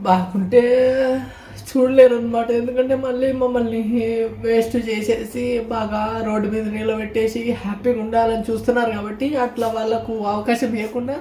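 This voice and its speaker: A man's voice: very high-pitched, little pitch movement, dark tone, reverberant, a little hiss or hum. Tearful man. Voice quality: tearful, halting. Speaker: vlogger. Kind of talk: emotional farewell vlog.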